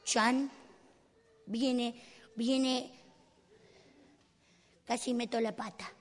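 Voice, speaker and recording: A woman's voice: fairly high pitch, level tone, extremely slow, voice pushed down. A woman preacher voicing a blind male beggar, muttering and then calling out in desperate hope, in a reverberant hall. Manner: muttering, then pleading cries.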